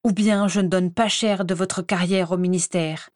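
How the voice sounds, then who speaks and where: A man's voice: high voice, steady tone, moderate pace, a little mellow, no echo, clean studio sound, lightly acted. A woman voicing a furious, pompous male ministry official who barks orders at his assistants. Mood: commanding. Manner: barking orders.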